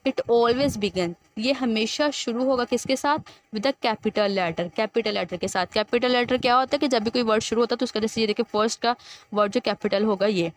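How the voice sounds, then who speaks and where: A woman teacher explaining English grammar in a patient, repetitive way. She reads English text slowly and then explains it, often asking the listener questions. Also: a little high.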